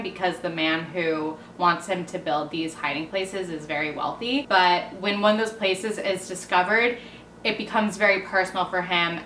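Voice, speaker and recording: Bright, chatty young woman. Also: lowish voice, a little hiss or hum. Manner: giggly, chatty. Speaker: booktube co-host. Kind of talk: casual book haul chat. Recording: echoey room, from a distance.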